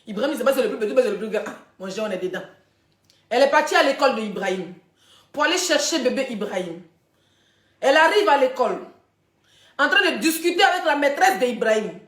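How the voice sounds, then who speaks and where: A woman, hosting a casual live stream and telling gossip straight to her viewers in a chatty, animated way. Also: fairly high pitch, fast talker, long pauses, roomy sound. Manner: chatty, animated storytelling, addressing viewers directly.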